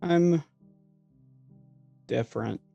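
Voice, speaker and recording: A man playing a reserved, formal vampire in a tabletop game, speaking in measured, terse, guarded lines. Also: on the high side, creaky, warm tone, no room sound, lo-fi sound, soft background music, pitched above the performer's own voice, full character voice. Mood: cool, probing.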